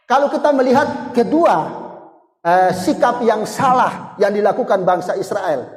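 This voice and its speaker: A man preaching, his voice sitting very high for a man. He tells his testimony in a relaxed, conversational way, with a long reverb trailing each phrase through the hall. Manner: conversational, storytelling with acted quotes and chuckles. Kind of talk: sermon with personal testimony.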